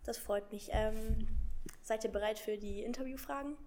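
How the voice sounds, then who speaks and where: A woman's voice: on the high side, moderate pace, darkish tone, slight background noise. Young woman interviewer, hesitant and informal.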